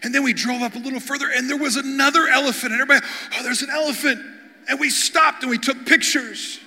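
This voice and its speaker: High-voiced preacher in a reverberant hall. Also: male voice, steady tone, fast, sharp tone. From Kentucky, USA. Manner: humorous, repeats words when starting sentences. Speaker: guest pastor. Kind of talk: storytelling sermon. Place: large church hall before an audience.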